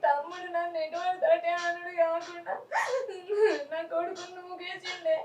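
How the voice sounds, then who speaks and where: A woman's voice: very high voice, fairly even intonation, normal speed, highs cut off, noisy background. Woman as a tearful Telangana village daughter. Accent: Telangana Telugu. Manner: tearful, complaining. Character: grown village daughter sobbing to her mother by phone. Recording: roomy, distant, music over it.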